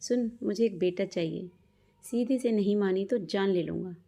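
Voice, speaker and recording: A woman's voice: medium pitch, moderate pace, gravelly, warm tone. A woman voicing a drunk, cruel husband who hurls insults and threats in an audio story. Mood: menacing.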